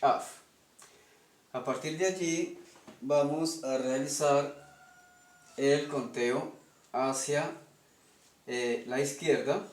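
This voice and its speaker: Speaking very slowly with long pauses, a Colombian-accented man explains an invented language at a whiteboard, methodically checking in with "ok?". His voice is mid-range and the sound is roomy.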